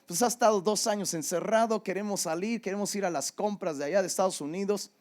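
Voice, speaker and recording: A man's voice: high voice, fast talker, darkish tone. An older man with a Mexican Spanish accent, preaching a sermon and telling a personal story in a conversational way. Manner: conversational storytelling, often asks "¿verdad?". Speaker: pastor.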